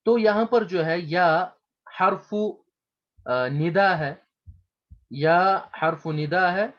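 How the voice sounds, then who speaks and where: Male grammar teacher, unhurried and patient, repeats terms for students; dull lo-fi recording. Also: high voice. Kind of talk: slow explanatory lecture.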